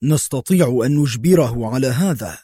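A man's voice: medium pitch, lively intonation, normal speed, warm tone, slightly rough, no echo, clean studio sound. A man voicing an eager male intelligence assistant with ideas to share. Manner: eager, keen.

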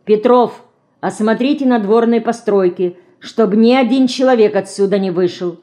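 A stiff, officious police detective from a storybook, pompous and formal in his speech, as a woman reads him aloud. He switches to shrill shrieks when he gets scared. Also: moderate pace, warm tone, lightly acted. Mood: stern, officious.

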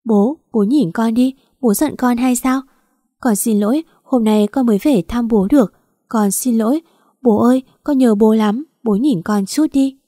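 A woman's voice: on the high side, measured pace, dark tone, no echo, studio quality. A woman voicing an unhappy young wife, tearful and pleading.

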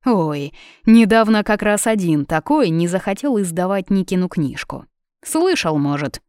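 A woman voicing a gruff, protective middle-aged father who grills his daughter's boyfriend over the phone. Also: on the low side, animated, measured pace, a little mellow, dry recording, studio quality. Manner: blustering, protective, interrogating.

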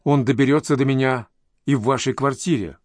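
A scared young woman begging for help in a low, tense hush, read by a man in his own plain voice. Her lines sit a little lower and quieter than the narration around them, in a dry, close recording. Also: brisk, no room sound, natural voice. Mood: frightened. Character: frightened young woman fleeing danger.

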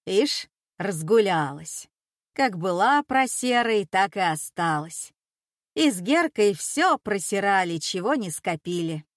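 A woman's voice: mid-range voice, expressive, slow pace, no room sound, studio quality. A woman reading a stern, bitter elderly grandmother in an audiobook, speaking bluntly and reproachfully. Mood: gruff. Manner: gruff, reproachful, plain-spoken. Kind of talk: audiobook character voice.

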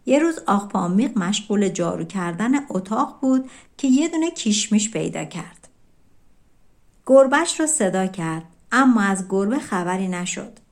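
A woman narrates a folk tale for an audiobook in a calm, easygoing storytelling voice. She reads in a relaxed, conversational way rather than a formal one, and her pitch sits in the middle of the female range.

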